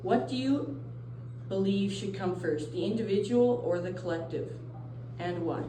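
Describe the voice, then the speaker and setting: A woman's voice: medium pitch, measured pace, lightly acted. A teenage girl playing an interview show host in a school role-play, reading scripted questions plainly. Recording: roomy, distant mic, noisy.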